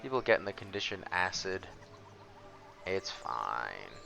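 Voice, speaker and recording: A man's voice: low voice, sing-song, measured pace, vocal fry, sharp tone, faint music behind. A man giving casual let's play commentary, thinking aloud and reacting expressively. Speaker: gaming streamer.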